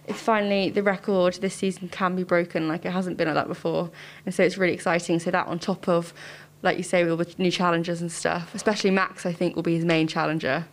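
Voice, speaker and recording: A young woman from England co-hosting a podcast, talking in a chatty, animated way with lots of fillers. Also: fairly low pitch, quick pace, hardly any pauses. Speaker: podcast co-host. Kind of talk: casual podcast chat.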